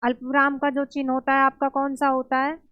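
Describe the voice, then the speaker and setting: A woman teaching an exam-prep grammar lesson, explaining slowly step by step and asking and answering her own questions. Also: sits high, completely flat delivery, no room sound, highs cut off, faint music behind.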